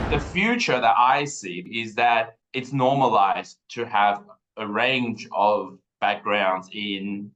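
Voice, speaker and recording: A man's voice: lowish voice, lo-fi sound, a little hiss or hum. A man in his thirties from Taiwan, a guest educator talking thoughtfully in a podcast interview. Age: 30s. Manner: thoughtful, measured, with frequent ums.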